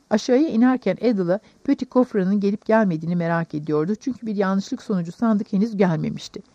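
Calm woman narrating a novel. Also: mid-range voice, dry recording, lo-fi sound. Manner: calm, measured storytelling. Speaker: audiobook narrator. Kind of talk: first-person novel narration.

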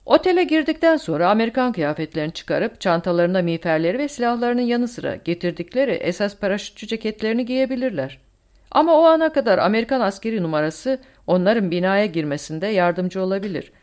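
A woman's voice: mid-range voice, lively intonation, fast, a little mellow, pitched above the performer's own voice, natural voice. A woman voicing a stern, commanding male German colonel who barks orders. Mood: confident. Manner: barking orders.

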